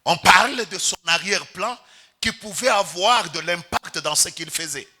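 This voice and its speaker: A man's voice: sits high, moderate pace, bright, forceful tone, slightly rough. A Congolese pastor preaching a sermon in church, calling out to the congregation and stretching his key words for emphasis. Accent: Congolese French.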